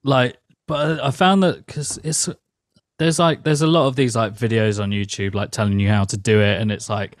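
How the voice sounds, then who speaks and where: In a casual interview, the guest is a young metal vocalist with a fairly low, steady voice at normal speed. He rambles and laughs easily, saying "like" constantly, and the audio is dry, clean studio sound.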